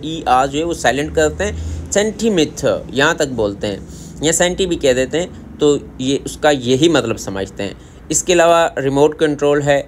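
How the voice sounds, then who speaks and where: A man with a Pakistani Urdu accent explains words in a relaxed teaching voice that sits a little high. He says each term several times over in a Korean-style pronunciation. A faint hum of room sound is under him. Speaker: language teacher. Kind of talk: explanatory language lesson.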